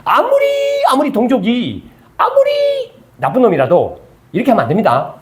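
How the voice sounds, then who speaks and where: An older male pastor with a Gyeongsang accent preaches a Bible study sermon in a church. His voice sits high for a man and swings widely in pitch, and he keeps prodding his listeners with quick rhetorical check-ins. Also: huge pitch swings. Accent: Gyeongsang Korean. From Gyeongsang region, South Korea.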